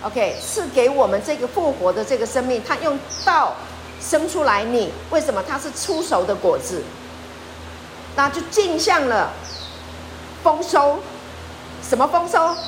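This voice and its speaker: A woman pastor with a high voice preaches a sermon, speaking a little slowly with long pauses over some background noise. She is lively and often puts questions to her congregation.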